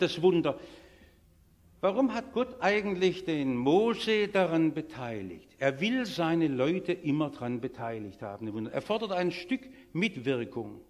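A man preaching a sermon, emphatic, swinging between loud declarations and quiet asides, speaking straight to the congregation. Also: a little high, long reverb tail. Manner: addresses the congregation directly. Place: church service.

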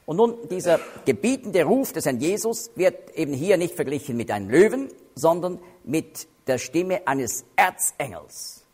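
A man teaching through Bible passages in a sermon style, emphatic and expressive, shifting his pace and loudness to stress points. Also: a little high, a little slow, few pauses, husky.

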